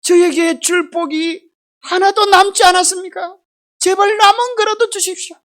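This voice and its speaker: A woman voicing a desperate elder son who begs his father in high, pleading cries. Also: steady tone, normal speed.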